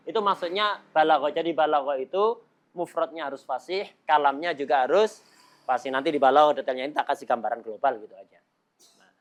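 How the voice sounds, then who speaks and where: A man's voice: on the high side, a bit bright. A middle-aged man teaching a class on Arabic rhetoric in a casual, joking way, mixing Arabic terms into everyday speech. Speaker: religious teacher.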